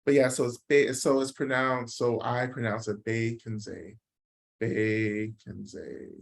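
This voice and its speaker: A man's voice: mid-range voice, steady tone, unhurried. Reflective man giving a dharma talk. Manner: reflective, explanatory, frequent "right?" check-ins. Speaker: Buddhist teacher. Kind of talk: dharma talk answering questions.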